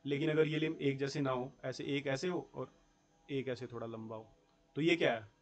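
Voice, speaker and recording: Mid-range in pitch, steady in tone, and moderate in pace, a young man leads a school geography lesson. He breaks things down step by step, mixing Hindi and English terms, and keeps checking in with "theek hai" and rhetorical questions.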